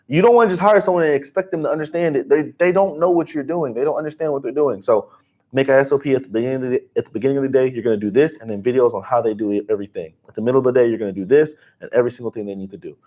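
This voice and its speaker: A man in his twenties co-hosting a livestream, giving business advice in casual, energetic talk and calling people bro. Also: mid-range voice, very fast. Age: 20s. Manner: energetic, slangy, calls listeners bro. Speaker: livestream co-host.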